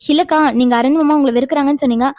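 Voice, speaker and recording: A caring young woman in a cartoon, voiced by a woman reassures and gently questions. She talks fast in a high voice, recorded dry and close. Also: no room sound, close to an everyday voice. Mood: reassuring. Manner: reassuring, curious, lively. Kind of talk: animated cartoon dialogue.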